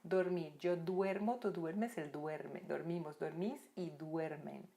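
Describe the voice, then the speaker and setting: A woman explains Spanish verbs as a teacher. She reads the verb forms out slowly and checks in with her learners often. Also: sits low, vocal fry. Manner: lively, repeats verb forms slowly, many tag questions.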